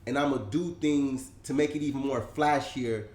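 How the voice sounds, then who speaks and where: A man co-hosting a casual barbershop discussion, talking in an animated way and climbing higher when he presses a point. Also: moderate pace. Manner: animated, rising pitch when stressing points. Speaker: podcast co-host. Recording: echoey room.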